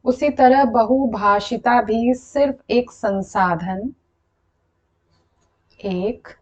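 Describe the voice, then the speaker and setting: Young female teacher, bright higher voice, patient explainer, muffled lo-fi recording. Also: drawn-out words. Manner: explanatory, repeats "thik hai" to check in. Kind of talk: exam-prep lesson.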